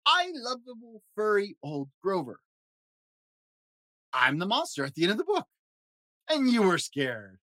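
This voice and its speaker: A man's voice: high-pitched, huge pitch swings, unhurried, pauses often, pushed and bright, no room sound, studio quality, pitched above the performer's own voice, full character voice. A man voicing a lovable, nervous furry monster who begs and frets in a storybook reading. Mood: relieved. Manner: fretful, begging, dramatic exclamations.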